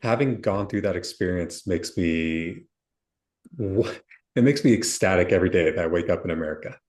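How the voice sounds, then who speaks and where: A man's voice: sits low, normal speed, darkish tone. A man from Ukraine, a guest on a podcast, telling his story in an articulate, reflective way. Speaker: guest, software founder. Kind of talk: interview answers.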